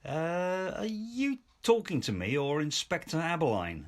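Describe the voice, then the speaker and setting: An actor playing a meek, slighted Victorian police inspector in an audio play. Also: male voice, on the high side, wildly swooping pitch, a little slow, exaggerated voice. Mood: tentative. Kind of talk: scripted audio play acting.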